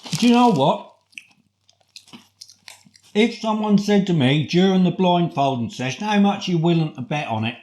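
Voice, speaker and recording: A man with a British accent giving a casual product review in a chatty, deliberate way, often posing rhetorical questions. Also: high voice, lively intonation, darkish tone, a little hiss or hum. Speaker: food review vlogger.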